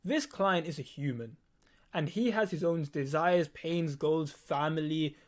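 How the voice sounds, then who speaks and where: A nineteen-year-old video editor with a lisp explains things to the viewers of his own channel, and he's blunt, informal, and profane, repeating points for emphasis. He speaks unhurriedly in a voice that's a little high.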